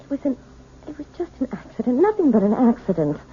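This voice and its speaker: A gentle, frightened wife in an old radio play. Her voice sits fairly high and swings a lot in pitch, with a hesitant, pleading manner. The recording is thin and tinny. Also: very animated, fast talker, slightly rough, heavily acted. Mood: distressed, evasive. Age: adult, older than twenty. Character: anxious, gentle battered wife and piano teacher. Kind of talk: 1970s radio drama acting. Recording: tinny, band-limited old radio broadcast.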